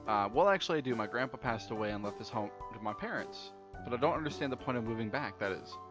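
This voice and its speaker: A young man rattles through an informal let's play, reading the game's text aloud and tripping on repeated words. His medium-pitched delivery is expressive and fast, captured on a dull lo-fi mic with game music in the background.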